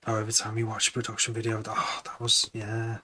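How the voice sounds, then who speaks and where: A man's voice: fairly low pitch, monotone, quick pace, pushed and bright, low-quality recording. A man who produces music, chatting casually on a live stream, rambling and hesitant with many restarts.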